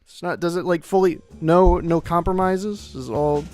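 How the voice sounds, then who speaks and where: Hosting a livestream with faint music behind him, a young man talks at a moderate pace in a high, slightly mellow voice. His casual chat is rambling and hesitant, often self-interrupted, and he coughs occasionally due to long covid.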